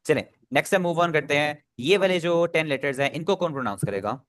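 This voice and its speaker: A man's voice: fairly high pitch, fast, fairly bright tone, dry recording. A man teaching an online Japanese class, patiently drilling pronunciation over a video call.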